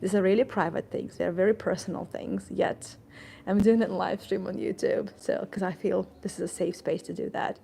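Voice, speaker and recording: A woman's voice: mid-range voice, fairly even intonation, normal speed, gravelly, warm tone, slight background noise. A woman guide chatting casually and thankfully on a live stream from a cozy café, laughing often and stumbling over her words. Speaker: tour guide vlogger. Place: cozy indoor garden café.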